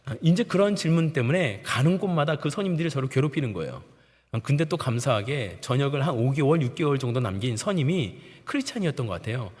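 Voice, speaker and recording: A middle-aged male pastor preaching a sermon, telling a story and acting out quoted voices with sudden shouts and laughter. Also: mid-range voice, animated, fast talker. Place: church sanctuary. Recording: long reverb of a church sanctuary.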